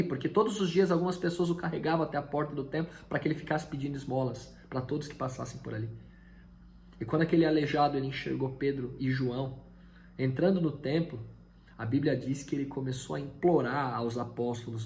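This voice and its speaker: A pastor preaching a Sunday sermon, retelling Bible dialogue with voices and building to loud, high peaks. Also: male voice, fairly even intonation, fast talker, a little hiss or hum.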